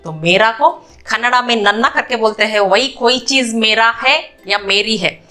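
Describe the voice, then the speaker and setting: A woman teaching a beginner language lesson, repeating each word slowly several times. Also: fairly high pitch, pushed and bright, soft background music. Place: room with a whiteboard.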